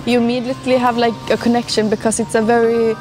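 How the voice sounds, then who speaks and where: A young woman from southern Sweden talking casually outdoors, relaxed and full of fillers. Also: on the high side, fast. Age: young adult. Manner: relaxed, fillers like 'like' and 'uh'. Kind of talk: casual testimonial talk. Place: outdoors on a city square in winter. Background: music.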